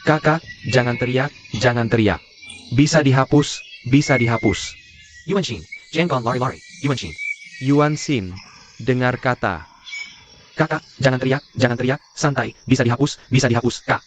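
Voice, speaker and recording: A rich director and flustered father fusses and soothes, as an actor dubs him. His pitch is middling. Clear background noise runs under the dubbed drama. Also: normal speed, natural voice. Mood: soothing. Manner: fretful, soothing. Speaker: dub actor. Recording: noisy background.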